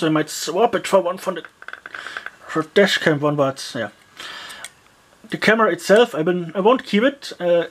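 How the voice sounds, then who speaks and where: Grumbling asides and constant "yeah" and "uh" fillers run through this casual teardown of a cheap gadget. The speaker's voice is medium in pitch, with a slight hiss or hum in the recording.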